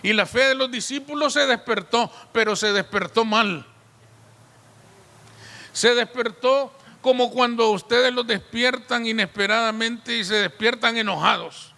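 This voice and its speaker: A man's voice: very high-pitched, measured pace, vocal fry, pushed and bright, long reverb tail. A pastor preaching a sermon in a church, building his points with repeated rhetorical questions.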